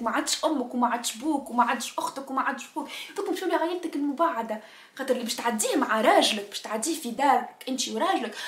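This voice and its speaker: A woman with a Tunisian accent speaks straight to her viewers in a spontaneous monologue. She talks quickly in a high voice and hammers her points home by repeating them. The recording has a roomy echo. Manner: passionate, emphatic, repeats key phrases. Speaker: vlogger.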